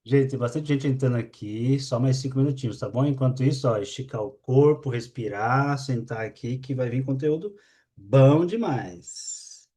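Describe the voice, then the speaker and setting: A man with a Brazilian accent leading a live online class, talking to his audience in a lively, demonstrative way and shifting his energy on purpose. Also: medium pitch, normal speed. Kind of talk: live webinar talk to an audience.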